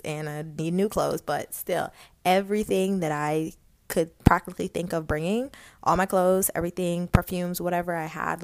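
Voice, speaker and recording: A young woman from Guyana with a light Guyanese accent, hosting a casual podcast and telling her own story in a chatty, candid way with lots of fillers. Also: on the low side. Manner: chatty, candid, laughs often, many fillers. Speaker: podcast host.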